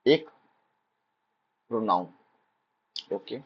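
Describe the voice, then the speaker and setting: A man's voice: on the low side, animated, drawn-out words, breathy edge, lo-fi sound. A male teacher giving an exam-prep grammar lesson, drilling points playfully with jokey asides.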